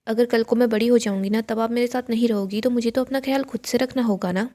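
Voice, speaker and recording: A woman's voice: on the high side, steady tone, fast talker, dark tone, close to an everyday voice. A woman voicing a young daughter, an earnest and determined girl, in a pleading, earnest way.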